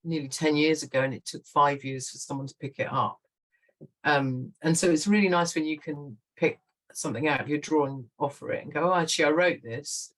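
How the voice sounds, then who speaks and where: Guest voice: middle-aged woman, chatty writer, quick to laugh, animated. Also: low voice, rough recording. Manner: lively, laughs often, animated storytelling. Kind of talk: conversational interview.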